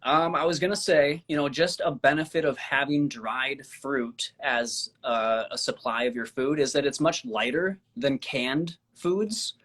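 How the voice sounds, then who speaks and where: A man's voice: mid-range voice, a little slow, hardly any pauses, a bit bright. A man in his thirties co-hosting a casual live-stream chat, easygoing and agreeable. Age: 30s. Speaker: co-host.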